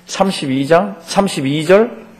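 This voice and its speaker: A man's voice: high-pitched, measured pace. A male pastor giving a Bible study lecture in a church class, acting out quotes and quizzing his students. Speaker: pastor teaching a Bible course.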